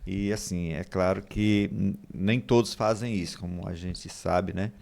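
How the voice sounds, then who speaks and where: Low-voiced podcast host. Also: male voice, steady tone, measured pace, vocal fry, a little mellow. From Brazil. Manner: affirming, wraps up with filler "né". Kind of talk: casual interview chat.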